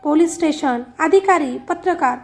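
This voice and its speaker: A woman's voice: high-pitched, moderate pace, vocal fry, soft background music. A woman narrating a first-person story in the voice of a grieving mother, with emotion.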